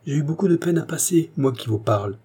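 A fussy royal hairdresser in a frantic state, his voice pushed high and breaking into wails, as a male narrator puts him on. The tone stays husky and soft underneath. It is an audiobook performance. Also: lively intonation, fast talker. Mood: insistent. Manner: frantic, wailing, overexcited.

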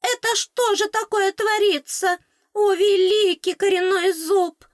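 A squeaky, bossy tiny fairy. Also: female voice, steady tone, unhurried, no echo, studio quality. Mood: wailing. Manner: shrill, theatrical outrage.

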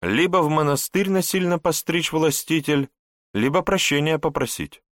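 A man reading an audiobook, voicing a wise foreign adviser who speaks slowly and formally. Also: a little high, a bit bright, no room sound, studio quality, pitched above the performer's own voice, lightly acted. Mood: measured. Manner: slow, measured and formal. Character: wise old Saracen male adviser.

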